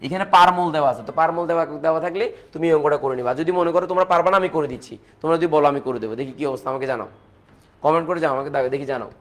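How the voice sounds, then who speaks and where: Fast-talking Bangladeshi chemistry teacher. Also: male voice, on the high side, fairly bright tone. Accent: Bangladeshi Bengali. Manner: repeats points, answers viewers' comments, talks through calculations step by step. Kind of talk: live online exam-prep class.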